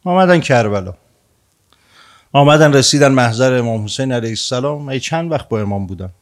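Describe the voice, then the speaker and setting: A male preacher giving a sermon at a middle pitch, moving between forceful, raised phrases and soft, low-spoken remarks. His voice sits in an ordinary register for a man, and his delivery is earnest and persuasive. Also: animated. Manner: swings between raised emphatic lines and hushed low asides. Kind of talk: sermon with retold story.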